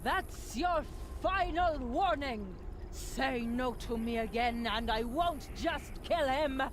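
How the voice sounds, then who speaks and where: An actress playing a proud, unhinged villainess in a video game, delivering threats with slow, theatrical menace. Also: female voice, sits high. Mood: threatening anger. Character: menacing villainous woman, proud, unhinged, believes herself a goddess. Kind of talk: dramatic video game voice acting. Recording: loud ambient noise behind voice.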